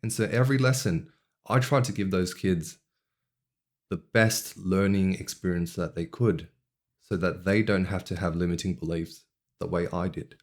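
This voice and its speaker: Sitting low in pitch, the voice belongs to an earnest young vlogger from Australia who is not a native English speaker. He reflects on his own life in a measured monologue, pausing deliberately as he tells it.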